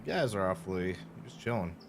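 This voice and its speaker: A man's voice: low-pitched, lively intonation, quick pace, creaky, noisy background. A man casually commenting live on a game he is playing, joking and swearing. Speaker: streamer. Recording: game music behind.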